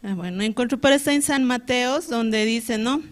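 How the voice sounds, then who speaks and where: A woman from Bolivia giving a conversational testimony at a Sunday church service, with many little tag questions, pausing to search for Bible verses aloud. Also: a little high.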